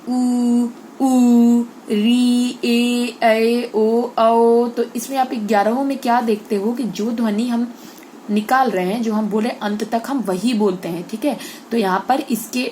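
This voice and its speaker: A woman's voice: fairly high pitch, darkish tone, slight background noise. A woman teaching a Hindi grammar lesson to children. She explains step by step, draws out vowel sounds to model them, and keeps checking in with her class.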